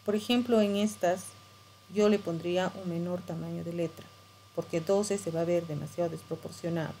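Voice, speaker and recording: A woman's voice: fairly low pitch, fairly even intonation, moderate pace, mellow, a little hiss or hum, poor audio. Patient woman teacher walking through a lesson. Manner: patient, instructive, frequent tag questions. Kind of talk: screen-share tutorial lesson.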